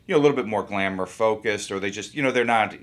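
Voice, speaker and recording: A man who is an actor, talking about his work in a relaxed, rambling interview. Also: lowish voice, fast talker. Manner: easygoing, rambling, thinks aloud. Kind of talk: casual interview talk.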